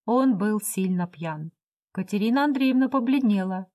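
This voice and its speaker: A woman narrating a literary audiobook in a calm, measured reading voice. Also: medium pitch.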